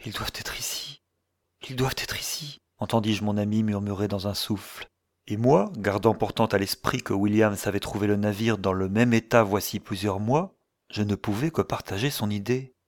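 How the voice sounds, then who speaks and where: A man with a fairly low voice reads a story aloud as an audiobook narrator. His narration is measured and steady. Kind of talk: scripted narration.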